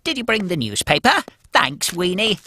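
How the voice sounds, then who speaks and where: A woman voicing a caring, calm male penguin friend in a children's cartoon. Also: on the low side, normal speed, no room sound, studio quality, exaggerated voice. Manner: soothing, caring. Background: music.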